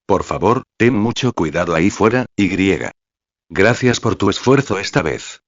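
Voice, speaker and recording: A man reading the lines of a worried young mother, speaking slowly and hesitantly. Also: fairly low pitch, lively intonation, dry recording, highs cut off. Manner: hesitant and soft.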